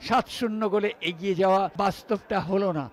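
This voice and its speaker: A man's voice: high-pitched, steady tone, quick pace. A man giving emphatic live football commentary, exclaiming on shots and goals. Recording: noisy outdoor ground with crowd din. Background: crowd and ambient stadium noise.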